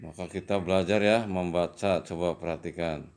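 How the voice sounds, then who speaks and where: A man teaching a children's lesson in a patient, slow manner, often adding "ya" as he explains. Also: sits low, steady tone. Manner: slow and patient, with frequent "ya" tags and louder drawn-out recitation. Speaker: religious studies teacher.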